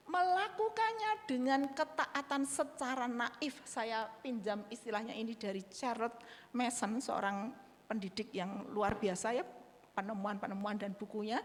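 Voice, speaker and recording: Animated woman preaching in a reverberant hall. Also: on the high side. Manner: animated, acts out parent-child dialogue. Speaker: speaker on parenting. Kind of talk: sermon.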